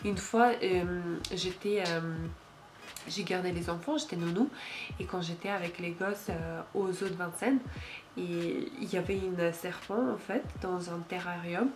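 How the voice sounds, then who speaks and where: Chatting to camera in a casual Q&A vlog, this YouTuber from Ukraine, a woman in her late twenties, speaks French in a Ukrainian accent with plenty of fillers and minor slips. She sounds on the low side, steady and a little slow, with a bit of hiss or hum.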